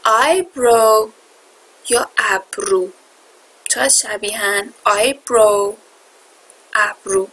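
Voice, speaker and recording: Husky-voiced woman teaching vocabulary. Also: medium pitch, a bit bright, rough recording. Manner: says each word slowly and clearly, then gives its meaning; stretches out key English words for learners to repeat. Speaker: English teacher. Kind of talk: vocabulary lesson with repeat-after-me drills.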